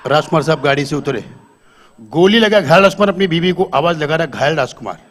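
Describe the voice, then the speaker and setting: A man's voice: fairly high pitch, lively intonation, fast talker, fairly bright tone, slight background noise. A man doing live stand-up comedy on a stage, talking to the audience into a handheld microphone and quizzing them.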